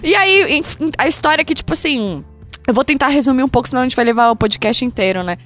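Young woman on a podcast mic, kinda high voice, animated storytelling, slangy, acts out the convo. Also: fast talker, faint music behind. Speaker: podcast regular telling a travel story. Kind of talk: casual podcast chat.

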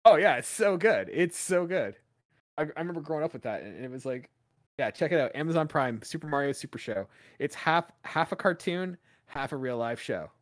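Podcast guy calling in remotely, pitch bouncing all over, rambles with lots of likes. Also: brisk. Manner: rambling, animated, lots of "like" fillers. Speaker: podcast co-host. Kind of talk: casual chat. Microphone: remote call.

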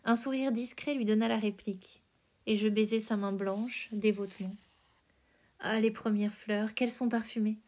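A woman hosting a podcast, reading poetry aloud with careful, measured phrasing. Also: medium pitch, fairly even intonation, darkish tone. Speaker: podcast host.

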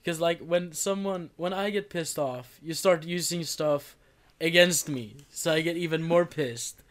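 A man with a slightly high voice talks bluntly in a casual podcast chat. He swears freely and laughs even while he complains. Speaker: podcast co-host.

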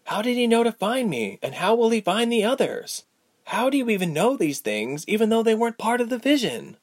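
A man's voice: high-pitched, big pitch swings, brisk, dry recording, pitched above the performer's own voice, exaggerated voice. A man voicing a distressed young woman haunted by visions, anxious and pleading, turning angry. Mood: troubled. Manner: anxious, pleading, rising to anger. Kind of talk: audiobook character voice.

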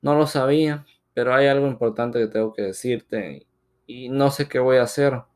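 A man's voice: medium pitch, normal speed, close to an everyday voice. A man voicing an older mother, a betrayed wife who weeps and rages at her husband. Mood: weeping. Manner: weeping, distraught and furious.

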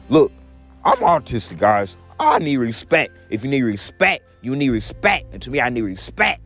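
A deep-voiced young man rambles through a daily vlog, addressing his viewers as guys. He repeats each point using an if-you, to-me pattern.

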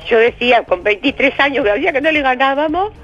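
An older woman with a Uruguayan accent calling in to a radio show, chatty and excited, laughing often and filling pauses. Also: high-pitched, lo-fi sound, soft background music. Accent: Uruguayan Spanish. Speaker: radio caller. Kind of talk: casual phone chat.

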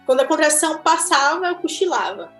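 A woman with a Brazilian Portuguese accent, chatting casually as she tells her own birth story, animated and quick to laugh. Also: sits high. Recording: echoey room with faint music.

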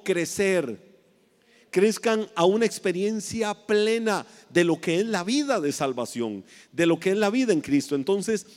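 Male preacher, high voice, earnest sermon delivery, long hall echo. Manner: earnest, slows down to stress key phrases.

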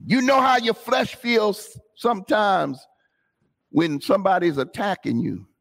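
Gravelly, slow, call-and-response woman preacher. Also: medium pitch. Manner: calls out to the congregation, bursts into shouts. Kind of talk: preaching a sermon to a congregation.

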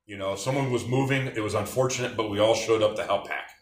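A man's voice: lowish voice, fast talker, far from the mic. A middle-aged man reminiscing casually about college days, telling long rambling stories with many restarts. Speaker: interviewee, former athletic trainer. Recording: roomy echo.

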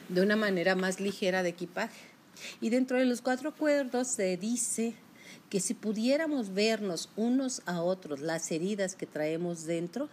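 A woman's voice: mid-range voice, a little mellow, slight background noise. A woman giving a self-help talk, speaking emphatically and straight to the listener. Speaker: motivational speaker.

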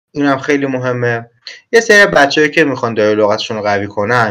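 A man teaching an exam-prep lesson in a relaxed, conversational way, pausing with fillers and correcting himself mid-sentence. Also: mid-range voice. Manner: casual, with frequent filler "uh" and self-corrections. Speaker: IELTS teacher. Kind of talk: explanatory lesson.

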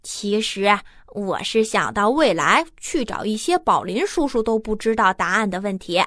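A woman's voice: medium pitch, sing-song, normal speed, a bit bright, no echo, studio quality. A woman voicing an eager, cheeky, confident child in a children's audio story. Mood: eager, scheming.

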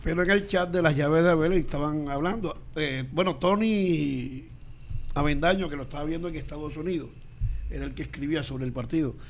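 A man's voice: on the high side, fairly quick, a little hiss or hum. A man with a Colombian Caribbean coast accent, co-hosting a casual sports chat and rambling on with frequent laughs. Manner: animated, rambling, laughs often.

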